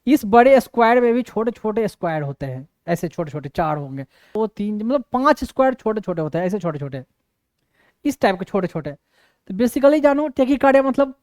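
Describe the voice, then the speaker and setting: A man's voice: extremely high pitch, darkish tone, clean tone, no room sound, clean studio sound. A man lecturing on medicine, repeating his points for emphasis and often checking that students follow. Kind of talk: classroom explanation.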